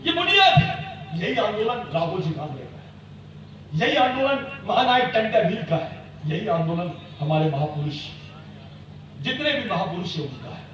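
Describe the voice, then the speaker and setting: Heavily echoing distant recording, loud noise, man, booming rousing speech, exhortatory. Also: very animated, normal speed, highs cut off. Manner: emphatic, exhortatory, repetitive phrasing, rhetorical questions. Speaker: activist leader addressing a community convention. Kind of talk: booming, rousing political-style speech to a gathering.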